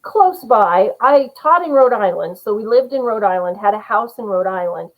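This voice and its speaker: A woman's voice: mid-range voice, expressive, moderate pace, phone-quality sound. A middle-aged woman, a guest author on a podcast interview, talking in an earnest, rambling way with lots of fillers. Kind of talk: casual interview chat.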